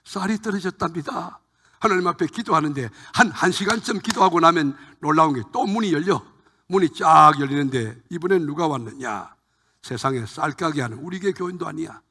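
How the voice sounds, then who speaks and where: Older pastor preaching in an echoey church. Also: male voice, a little high, expressive, a little fast, pushed and bright. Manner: dramatic storytelling testimony. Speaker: retired senior pastor. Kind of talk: sermon. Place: large church sanctuary.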